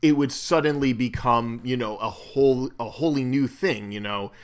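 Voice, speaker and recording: A man talking casually about tabletop games in a relaxed, conversational way. He rambles and restarts his sentences, and his voice sits at an ordinary middle pitch. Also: normal speed. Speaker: co-host. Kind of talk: casual board game discussion.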